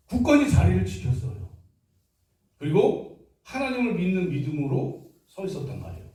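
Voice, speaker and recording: Korean pastor preaching in a booming hall. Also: male voice, a little mellow. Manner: emphatic, asks the congregation rhetorical questions. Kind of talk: sermon. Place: church sanctuary. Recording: echoey hall from far off.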